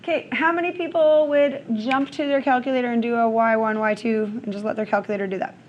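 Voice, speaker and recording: Higher-voiced woman teaching a math class. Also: steady tone, fast, lo-fi sound, a little hiss or hum. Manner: checks in with questions, frequent "okay?". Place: classroom with students.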